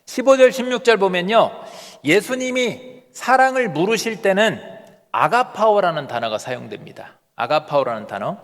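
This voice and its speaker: A man's voice: high voice, very animated, normal speed, fairly bright tone. A man preaching as a pastor, earnest and full of rhetorical questions to the congregation. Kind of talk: sermon. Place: church sanctuary. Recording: long church hall reverb.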